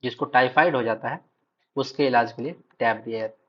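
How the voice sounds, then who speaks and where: A man with a Bihar accent giving a recorded exam-prep lecture. He drills each key term by saying it again and again, pausing to check that his students are following. His voice sits at an ordinary pitch and comes through a dull, lo-fi recording. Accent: Hindi speaker from Bihar. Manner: repeats key terms, checks in with "ठीक है".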